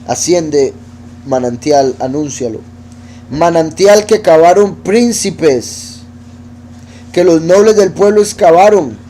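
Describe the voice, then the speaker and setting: A man teaching a Bible study, reading verses aloud and slowly spelling out Hebrew words as he explains them. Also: on the high side, warm tone. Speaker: teacher of scripture.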